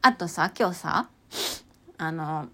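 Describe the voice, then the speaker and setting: A woman talking casually and chattily about her walks and inner experiences, with many fillers and sudden excited outbursts. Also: slow pace. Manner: chatty, animated, bursts into high excited exclamations; many fillers, lots of sentence-final さ. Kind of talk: casual spiritual chat.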